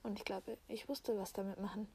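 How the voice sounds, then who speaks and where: A woman voicing a gentle mother in an amateur role-play voice-over, talking in a hushed, calm way. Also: mid-range voice, brisk, a little hiss or hum, natural voice. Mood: hushed, serious. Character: gentle mother revealing a farm gift. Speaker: mother character.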